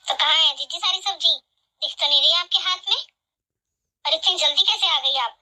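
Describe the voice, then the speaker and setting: A woman voicing a domineering, taunting mother-in-law in an animated family drama, who scolds sharply. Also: very high-pitched, moderate pace, exaggerated voice, poor audio. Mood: scolding. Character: bossy, scolding middle-aged mother-in-law.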